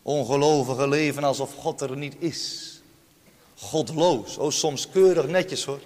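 Emphatic preacher in a reverberant church. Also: male voice, a little slow, a little mellow. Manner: emphatic preaching with swings in pitch and volume. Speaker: pastor. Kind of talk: sermon.

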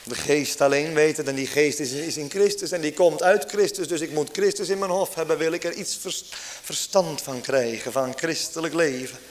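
A man's voice: a little high, moderate pace. A man preaching a fervent sermon, pleading with his listeners and asking them question after question.

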